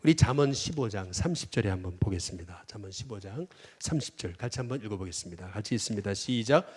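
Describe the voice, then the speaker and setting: A male pastor preaching a sermon in a church, leading the congregation to repeat phrases after him and stretching key words slowly and loudly. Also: medium pitch. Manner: rises loud and emphatic on repeated phrases. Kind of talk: sermon with call-and-response repetition. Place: church sanctuary.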